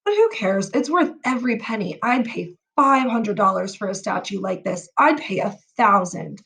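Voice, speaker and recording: A woman voicing a playful father who jokes with his children, read lively and theatrical. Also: normal speed, gravelly. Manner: lively, theatrical, raises pitch for the lines. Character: playful father, a grown man, joking with his kids.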